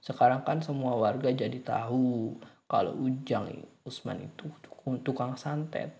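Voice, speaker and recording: A man voicing an old male village shaman who speaks in a low, soothing, dismissive way in a spoken horror story. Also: a little slow, vocal fry, dark tone. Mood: calm dismissive.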